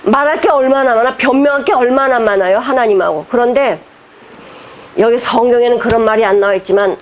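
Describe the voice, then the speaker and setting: A woman's voice: on the high side, a little fast, a little hiss or hum. A woman pastor giving a heartfelt sermon, firing rhetorical questions at the congregation, her voice sometimes catching with emotion. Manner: impassioned preaching, voice catching with emotion.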